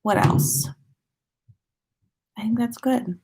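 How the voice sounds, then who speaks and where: Speaking at a slow pace, a woman with a higher, slightly rough yet mellow voice hosts a podcast livestream. She chats informally and reads listeners' stories aloud with feeling.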